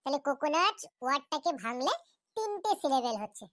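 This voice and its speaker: A woman's voice: high voice, expressive, brisk, a bit bright. A woman voicing an eager young schoolgirl in a cartoon class, dutifully reciting her answers to the teacher.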